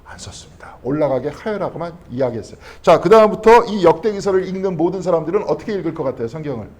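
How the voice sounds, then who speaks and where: A man's voice: a little high, expressive, very fast, a little mellow. A male pastor teaching a Bible study class in a conversational way. He keeps asking the class questions and then answers them himself. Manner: conversational, checking in with frequent tag questions.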